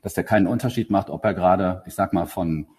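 A man's voice: deep voice, a little fast, a little mellow, breathy edge. A man who produces radio ads, talking casually and at length in a podcast chat, with many fillers and restarts.

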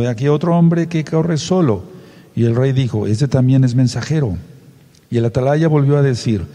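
A man's voice: mid-range voice, dark tone, in a large hall. A man leading a Bible study, reading scripture aloud and stopping to explain it and question his listeners. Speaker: Bible teacher.

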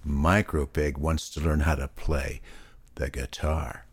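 A man reading a children's story aloud to young listeners in a slow, expressive storyteller manner. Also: slightly rough. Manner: slow, expressive storyteller delivery, swooping pitch.

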